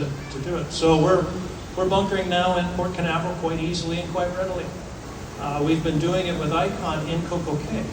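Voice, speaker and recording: A man speaking as a ship's captain, answering audience questions informally, in a conversational way with deliberate pauses. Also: on the high side. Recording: echoey venue, distant, clearly noisy ambience.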